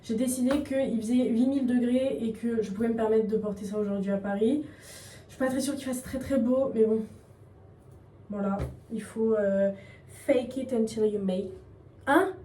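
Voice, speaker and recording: Her voice is on the high side but dark in tone, with fairly even intonation and a normal speed. A young woman is vlogging at home as she gets ready, rambling and making fun of herself in slang. She's far from the mic, in an echoey room with faint background noise.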